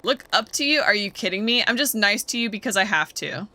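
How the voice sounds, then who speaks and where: A woman's voice: mid-range voice, animated, bright, forceful tone. A woman voicing a blunt, sarcastic young apprentice in a game. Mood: angry. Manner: sarcastic, rude, quick.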